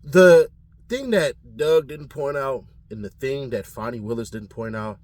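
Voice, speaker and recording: A man from California giving casual commentary on his channel, animated and slangy, often laughing. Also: mid-range voice, measured pace. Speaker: commentary vlogger.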